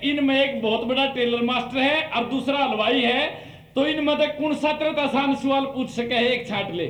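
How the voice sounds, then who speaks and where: A man's voice: very high-pitched, a bit bright, reverberant, slight background noise. A man with a Haryanvi accent hosting a comic game show. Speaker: quiz show host.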